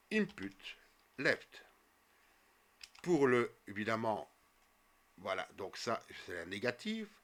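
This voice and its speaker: A man walking viewers through a coding tutorial step by step as he types, with frequent fillers and quick self-corrections. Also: lowish voice, a bit bright. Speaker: programming tutor. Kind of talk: screen-recorded coding tutorial.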